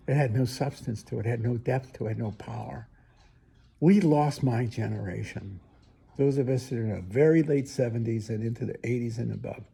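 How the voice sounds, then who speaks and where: Older man, priest, gravelly, dark husky voice, earnest reflection with asides. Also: medium pitch. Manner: earnest, emphatic, conversational with asides. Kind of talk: spoken reflection, sermon-like.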